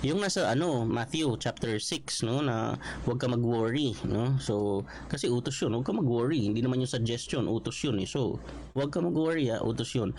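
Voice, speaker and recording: A man's voice: lively intonation, a little fast, darkish tone, a little hiss or hum, rough recording. Filipino man preaching casually. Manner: conversational, mixing Tagalog and English, rising emphatic pitch on quotes. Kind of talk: Bible study sermon.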